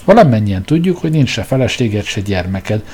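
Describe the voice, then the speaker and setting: Scornful storybook king, declamatory and loud, read by a man; warm, husky tone. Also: on the low side, very animated. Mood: mocking. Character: scolding, proud exiled male king.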